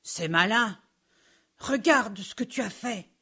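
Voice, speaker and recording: A woman voicing a hot-tempered young male red grape in a storybook reading, speaking lower and more forcefully than her narration, with a grumbling manner. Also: husky. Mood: angry. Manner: grumbling, quick to anger.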